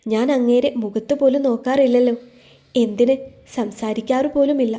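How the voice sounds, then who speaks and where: A woman plays a young storybook heroine carrying a hidden heartbreak. She talks gently and teases softly, her voice a little high and mellow. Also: fairly even intonation, moderate pace, natural voice. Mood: wistful. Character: young woman, wounded but teasing, hiding heartbreak.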